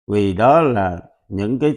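A man whose first language is Vietnamese, patiently teaching a pronunciation lesson and repeating example words loudly. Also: on the low side, expressive, slow pace. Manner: patient, instructive.

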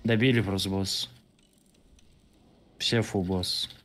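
A man's voice: low voice, fairly even intonation, slow, a crowd in the background. A man leading an online game raid, giving terse, clipped, commanding callouts over voice chat.

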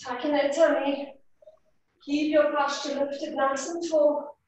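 This young woman instructs a HIIT class while exercising herself, pushing through the demonstrations and spurring people on with brief coach-style commands in a home workout studio lined with cupboards. She speaks slowly in a high, level, slightly mellow voice. The audio is dull, distant and heavily echoey, as if picked up by a far camera or laptop on a video call.

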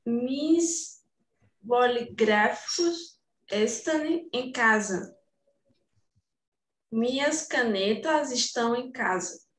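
A woman student whose first language is Portuguese, reading a sentence out slowly and carefully. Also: a little high, lively intonation, echoey room.

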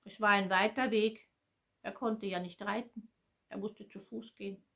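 A woman narrating a Bible story for children as a religious education storyteller, expressive and emphatic. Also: mid-range voice.

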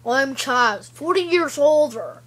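A child voicing a toy bird who has grown forty years older, speaking loudly and cheerfully in a toy-play story. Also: sits high, lively intonation, slow pace, heavily acted.

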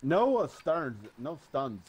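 A man's voice: fairly high pitch, sing-song, slow, darkish tone, slight background noise. A man playing in an online match, flustered and asking for a moment. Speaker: player in the match. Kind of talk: casual gaming chat.

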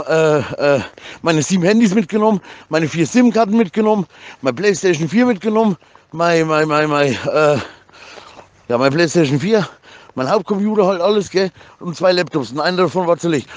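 Stammering over repeated words and cursing in crude slang, a man rambles through an agitated, casual rant. His voice sits high and sounds a little mellow.

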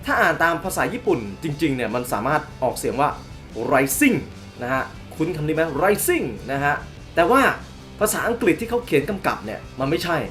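A young man hosting a casual toy unboxing review. He is excitable, exclaims often and hums little sound effects as he shows the box. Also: sits high. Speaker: toy reviewer, channel host.

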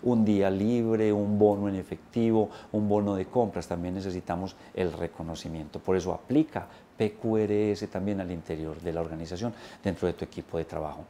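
A man's voice: low voice, fairly even intonation, a little fast, hardly any pauses, dark tone, slight background noise. A man in his thirties, a business coach giving an emphatic instructional talk to camera on a lapel mic in an indoor studio. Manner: emphatic, gesturing with both hands, listing points.

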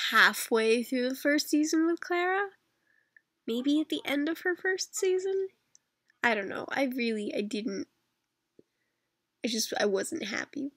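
Creaky, higher-pitched young Canadian woman. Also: fairly bright tone, no room sound. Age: 20s. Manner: rambling, self-deprecating, dry asides. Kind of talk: casual chat answering questionnaire questions. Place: dark bedroom at night, lying on a bed.

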